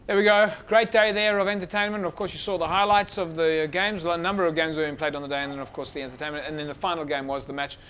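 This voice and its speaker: Fast-talking man hosting. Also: fairly high pitch, fairly even intonation, fairly bright tone, clear, resonant tone. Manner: chatty, loose, many fillers. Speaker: TV rugby show host. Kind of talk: presenting between segments.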